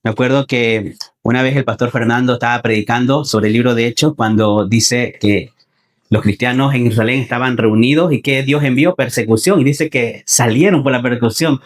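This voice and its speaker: A man's voice: mid-range voice, moderate pace. Man, preacher, Sunday sermon, repeats his phrases, rhetorical questions to the congregation. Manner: addresses listeners as brothers.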